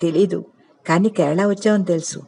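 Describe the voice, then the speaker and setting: A man voicing a kind, teasing young man in a storybook reading, calm and gentle with an old friend. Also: sits high, moderate pace, gravelly.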